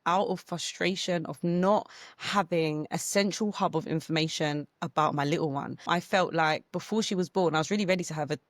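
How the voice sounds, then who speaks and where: A woman's voice: sits low, brisk, hardly any pauses, no echo, clean studio sound. A woman, a guest entrepreneur telling stories in a casual interview and acting out what others said. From London, England. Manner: animated storyteller, acts out quotes.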